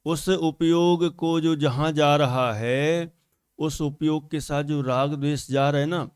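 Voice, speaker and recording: Slow, clear-voiced Hindi-speaking man teaching scripture. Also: on the high side, steady tone, a little mellow, no echo, studio quality. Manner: explains slowly with rhetorical questions and repetitions. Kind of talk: scripture lecture.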